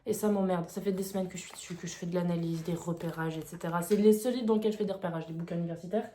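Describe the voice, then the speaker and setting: A woman's voice: lowish voice, steady tone, racing, dark tone, a little hiss or hum. A young woman in her twenties chatting enthusiastically about her reading in a casual vlog, filmed at home on a phone. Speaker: book vlogger. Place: home, indoors. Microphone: phone mic. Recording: echoey room on phone mic.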